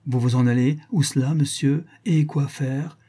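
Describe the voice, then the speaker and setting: A man's voice: medium pitch, lively intonation, moderate pace, mellow, slightly rough. A man voicing a teasing, flustered noble lady in a storybook reading, coaxing and scolding by turns.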